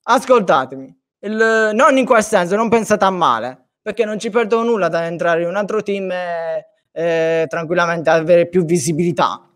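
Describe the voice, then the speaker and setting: Agitated high-voiced young man. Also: moderate pace, few pauses. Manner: agitated, loudly insisting on being heard. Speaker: guest streamer. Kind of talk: heated group chat on a live stream.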